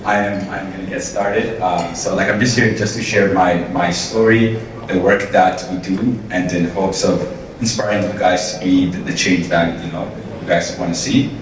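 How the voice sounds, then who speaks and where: A young man from Ethiopia giving a casual personal talk at an event, full of ums and restarts. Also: fairly low pitch. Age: young adult. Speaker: invited speaker. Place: large event hall. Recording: roomy hall sound from far off, noisy.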